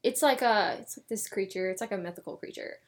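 A woman's voice: mid-range voice, quick pace. A woman casually retelling a tabletop game session for a podcast, rambling with lots of fillers and self-corrections.

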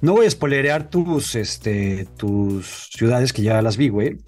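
Over soft background music, a young Mexican podcast co-host talks sports in a casual, slangy, profane style full of opinions. His voice is medium-pitched and darkish, animated yet slow.

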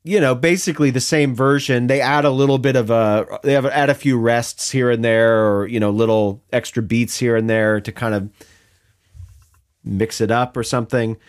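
A man's voice: mid-range voice, fairly even intonation, normal speed. A man co-hosting a podcast in casual chat, thinking aloud with restarts and fillers. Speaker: podcast co-host.

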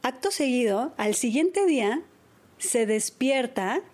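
Mexican woman podcast host, high voice, lively casual storyteller who curses offhand. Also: takes it slowly. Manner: animated, acts out quotes, swears casually.

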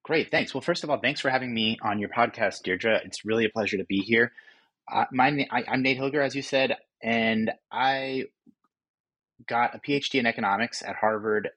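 A man's voice: medium pitch, normal speed, fairly bright tone, dry recording, poor audio. A man in his forties from California, an author answering interview questions thoughtfully, often restarting his sentences. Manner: thoughtful, with frequent restarts and fillers. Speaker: author and guest.

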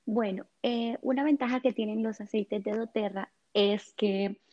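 A woman, a guest, talking in a gentle, hesitant way with many fillers, explaining in casual conversation. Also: medium pitch, steady tone, a little slow, lo-fi sound. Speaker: guest on chakras and essential oils.

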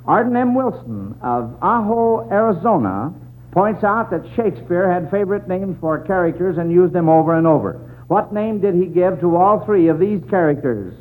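A man's voice: sits high, animated, moderate pace. An American man hosting a 1940s radio quiz, reading questions in folksy schoolmaster patter on a tinny, noisy old broadcast. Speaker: quiz show host.

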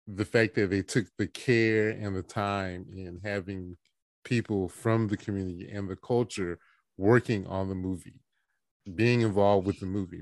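A man's voice: fairly low pitch, dry recording. A man co-hosting a podcast, chatting casually and making his points earnestly. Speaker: podcast co-host.

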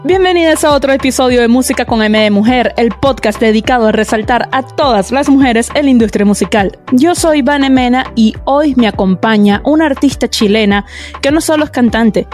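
A woman's voice: a little high, normal speed, a little mellow, soft background music. A woman hosting a casual podcast interview, effusive and chatty as she introduces and praises her guest. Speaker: podcast host.

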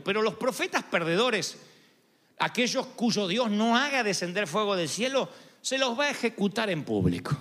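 A man's voice: sits high, a bit bright. A man preaching a sermon, telling a story dramatically and adding humorous asides. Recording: long hall reverb.

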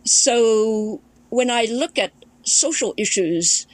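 Speaking slowly and expressively in a fairly high voice, the Thai memoirist and podcast guest reflects on her family history, restarting sentences often in casual talk. The audio quality is poor.

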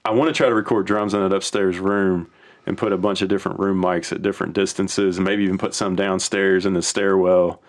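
A male podcast guest talks in a loose, meandering way about recording music, doubling back and restarting his sentences as he goes. His voice sits on the lower side and his delivery is easygoing rather than polished. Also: a little fast. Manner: rambling and relaxed, with frequent restarts. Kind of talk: casual chat.

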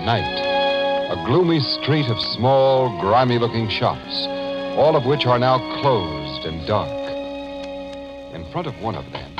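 Male old-time radio announcer over loud music. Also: mid-range voice, sing-song, takes it slowly. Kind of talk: 1940s radio announcing, scripted narration. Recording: dull old radio recording.

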